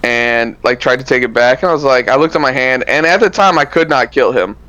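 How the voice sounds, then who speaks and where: Smooth-voiced man in relaxed podcast chat. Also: medium pitch, fairly quick. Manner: relaxed, rambling, many fillers and self-corrections. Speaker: podcast co-host. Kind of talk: casual chat recapping card tournaments.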